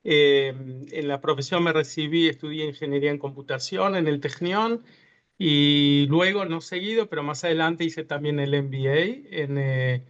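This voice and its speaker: A man's voice: on the high side, steady tone, normal speed, a bit bright, clear, resonant tone. A man from Uruguay, a tech entrepreneur guest speaking hesitantly with many fillers and restarts in an online interview. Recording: muffled lo-fi video call audio.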